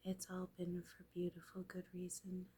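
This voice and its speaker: A woman speaking as a seance medium in trance, voicing a gentle, loving male spirit in breathy, half-whispered, halting phrases. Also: fairly low pitch, monotone. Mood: tender, reassuring.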